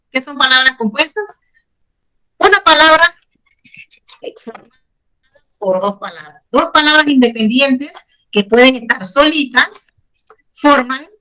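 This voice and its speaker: A woman's voice: high voice, pushed and bright, rough recording. A woman teacher explaining spelling rules to her students, patient and repeating each point. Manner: patient, explains slowly with repetition and diminutives. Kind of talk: online Spanish grammar lesson.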